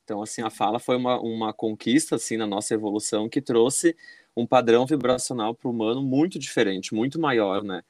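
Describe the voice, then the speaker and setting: A man talks in a casual podcast chat at a middle pitch. He winds through his points with fillers and restarts, and the sound is dry and close. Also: brisk, darkish tone, no room sound. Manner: explains with many fillers and restarts. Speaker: podcast guest.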